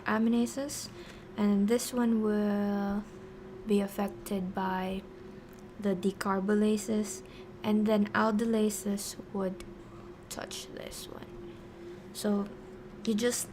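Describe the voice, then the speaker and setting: A woman streamer teaches in a casual, unhurried way. Her delivery is slow and halting as she writes, often muttering corrections to herself. Her pitch is mid-range, with faint noise in the background. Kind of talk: casual livestream lesson, talking while writing.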